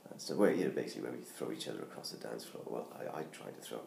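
Rapid-fire and expressive, a middle-aged UK man with a rumbling low, laryngitis-hoarse voice chats about his book in a homemade promo filmed in his living room by the Christmas tree. He ums and restarts a lot. The close tablet-camera recording has a roomy home sound with faint noise.

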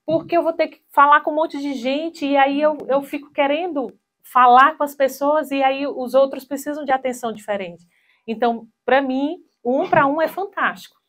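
Her voice high and her speed normal, this thirty-something woman animatedly voices the people in her personal stories during a spiritual talk, using a handheld mic in a small hall.

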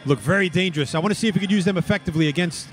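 Male sports analyst, higher-than-average voice, live fight commentary with soft music underneath. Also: racing.

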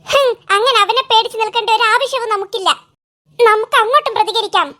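A squeaky, very high little cartoon boy, voiced by a woman, full of bluster and quick to boast. His tone is bright and sharp. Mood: urging. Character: bold hot-headed little boy. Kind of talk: cartoon voice acting.

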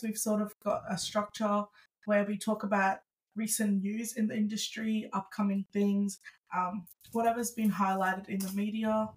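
A young woman raised overseas co-hosts a relaxed podcast in a mid-range voice. She explains things at length, filling pauses with ums, and slips in dry jokes. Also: mid-range voice, low-quality recording. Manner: explanatory, many "um" fillers, dry humor. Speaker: podcast co-host. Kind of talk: casual chat.

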